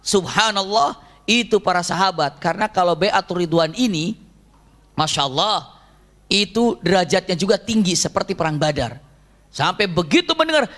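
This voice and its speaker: A male Islamic preacher, telling a story in a religious lecture, animated and asking his listeners questions. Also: high voice. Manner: animated, acts out shouted quotes, asks the audience questions.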